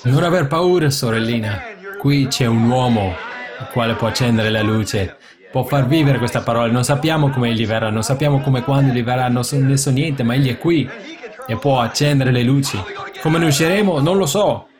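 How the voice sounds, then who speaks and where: A man's voice: medium pitch, fairly quick, a crowd in the background. Fervent male preacher before a congregation. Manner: fervent, rising to excited exclamations. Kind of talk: sermon. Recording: live congregation audible behind.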